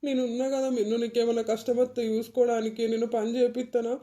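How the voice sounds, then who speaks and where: A woman voicing a soft-hearted young village groom in a cartoon, with a Telangana Telugu accent, talking in a pleading, consoling way. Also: on the high side, level tone, fast, lightly acted.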